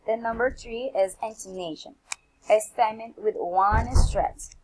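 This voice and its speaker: Slow careful woman reading drills. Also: a little high, a little hiss or hum, poor audio. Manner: deliberate, reads word lists and sentences one by one with pauses. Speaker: English learner reading practice drills.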